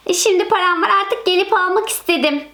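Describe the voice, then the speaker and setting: A woman's voice: brisk, exaggerated voice. A woman voicing a sneaky woman who wants her abandoned dogs back, in a game role-play. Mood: pleading. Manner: hesitant, then scheming in low hushed tones.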